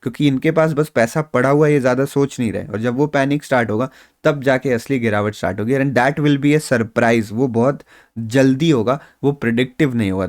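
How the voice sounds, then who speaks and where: A man explains market moves in a relaxed, conversational way, reassuring his viewers and dropping English phrases in as he goes. His voice sits at an ordinary middle pitch. The recording is close and dry, with no room sound. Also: no echo. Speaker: stock market trader and YouTube host. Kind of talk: casual explanatory market analysis.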